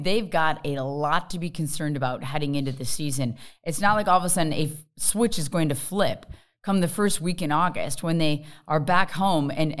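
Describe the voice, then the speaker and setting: Low-voiced woman discussing soccer. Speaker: podcast co-host and soccer pundit. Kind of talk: casual sports discussion.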